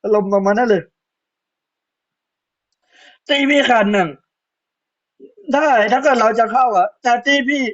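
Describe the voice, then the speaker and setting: Streamer, male, 20s: very high voice, slangy and foul-mouthed, casual chat, muffled lo-fi sound. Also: unhurried, long pauses. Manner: blunt, slangy and profane. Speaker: game streamer. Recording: dull lo-fi stream audio.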